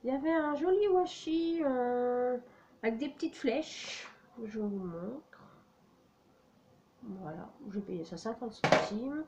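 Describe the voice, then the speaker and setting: Slow-talking woman with lots of "euh". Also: a little high, expressive, mellow, highs cut off, slight background noise. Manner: hesitant, many "euh" and "voilà". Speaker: crafter showing flea-market finds. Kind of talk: casual show-and-tell vlog.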